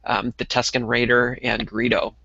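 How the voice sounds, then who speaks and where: A man chatting as co-host of a laid-back podcast, stumbling through ums and restarts. His voice is bright and forward but stays flat in pitch. The audio is dull and dry, like a lo-fi call. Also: moderate pace, gravelly, husky. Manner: conversational, many ums and restarts. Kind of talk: casual podcast chat.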